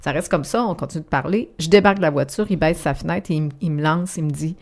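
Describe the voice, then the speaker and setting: Reflective Québécois woman author, lower voice. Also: fast talker, darkish tone. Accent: Québécois French. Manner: reflective, with frequent restarts and fillers. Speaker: author guest. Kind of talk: radio interview conversation.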